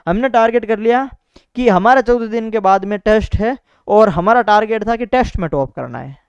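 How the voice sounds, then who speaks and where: Talking casually to exam students, a young man who topped the exam shares his preparation strategy, repeating points and filling gaps with "bhai" and "theek hai". His high, smooth voice moves at a moderate pace in a dry, lo-fi recording.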